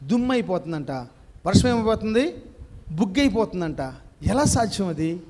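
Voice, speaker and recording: A man's voice: high-pitched, expressive, moderate pace, dark tone, a little hiss or hum. A male preacher, telling a parable in a sermon and putting questions to the congregation.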